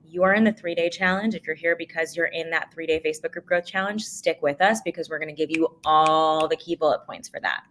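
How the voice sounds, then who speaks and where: A woman co-hosting a live business webinar, explaining with energy and quick restarts as she teaches. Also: low-pitched, a bit bright, a little hiss or hum. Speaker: co-host and business coach.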